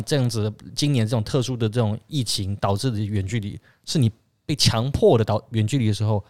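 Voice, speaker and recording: Fast-talking Taiwanese-accented man, hosting. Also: medium pitch, darkish tone, dry recording, clean studio sound. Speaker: talk show host. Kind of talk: casual discussion, explaining to co-hosts.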